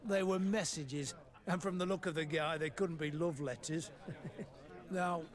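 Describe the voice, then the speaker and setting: Actor as a high-voiced jovial town drunk soldier. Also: male voice, steady tone, measured pace, lightly acted. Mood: confiding. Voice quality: slurred drunkard's voice. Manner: town drunk, chuckling and familiar. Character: jovial male tavern soldier, town drunk who sees everything. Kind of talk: video game character acting.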